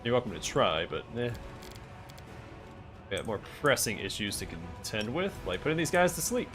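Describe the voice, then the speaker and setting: A man's voice: fairly low pitch, big pitch swings, moderate pace, music in the background. A man giving casual gameplay commentary as a streamer, chatting with his viewers. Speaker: game streamer.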